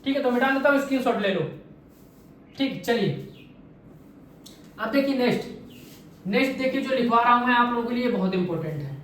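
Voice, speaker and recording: A man's voice: very high-pitched, animated, brisk, pauses often, fairly bright tone, slight background noise. A man teaching an exam-prep class, asking quiz questions and answering them himself, drilling each answer by repeating it. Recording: very echoey room, voice far from mic.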